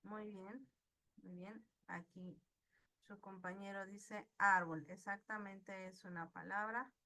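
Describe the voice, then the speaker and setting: A woman leads an online lesson, speaking slowly and patiently. Her voice is bright and clear, and she keeps putting questions to her students. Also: medium pitch, steady tone. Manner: slow, patient, asks the class questions. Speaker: teacher. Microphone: video call.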